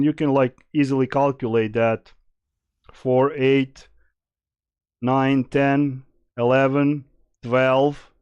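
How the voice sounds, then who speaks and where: A man's voice: medium pitch, a little mellow, clean tone, no room sound. A young man from Serbia, casually streaming and answering chat questions in a rambling way with many fillers. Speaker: game streamer.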